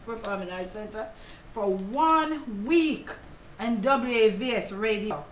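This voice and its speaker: A woman's voice: a little high, animated, slow pace, echoey room, slight background noise. A woman guest, an actress and playwright, telling a story in a casual chat, laughing often. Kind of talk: casual talk show chat.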